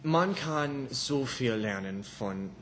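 Young male language student, American accent, native English speaker, very slow halting delivery, faint noise behind. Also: mid-range voice, lively intonation. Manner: halting learner's German with grammatical slips. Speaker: language student being interviewed. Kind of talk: conversational language-practice interview.

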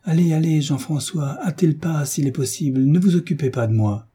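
A man's voice: fairly high pitch, expressive, a little fast, mellow, husky, pitched above the performer's own voice. A man reading the part of a frightened young mother, speaking with anxious urgency.

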